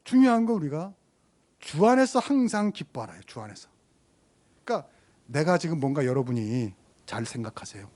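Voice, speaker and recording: A middle-aged male pastor preaches with a high, bright voice that swings widely up and down. His delivery is conversational and emphatic. He keeps asking the congregation questions and repeats key phrases to drive them home. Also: sing-song, moderate pace. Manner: conversational, asks the congregation questions and tells personal stories. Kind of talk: sermon.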